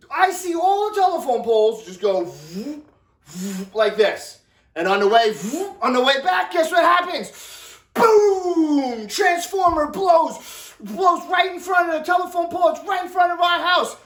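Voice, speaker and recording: A man telling personal stories to viewers in an animated, exaggerated way, with sound effects. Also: very high-pitched. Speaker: storyteller vlogger. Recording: roomy, distant mic.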